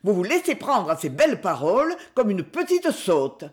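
Woman doing a snippy arrogant stepmom, raised high and loud, voice swooping all over the place. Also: sing-song, unhurried. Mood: furious. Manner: acerbe, haughty, scolding. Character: sharp arrogant middle-aged stepmother, scolding. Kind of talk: audiobook reading.

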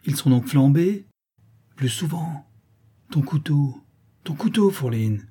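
A man's voice: a little high, expressive, slow pace, mellow, breathy edge, voice pushed up, full character voice. A man voicing a vicious one-eyed old woman bandit in an audiobook, snarling and threatening. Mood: menacing.

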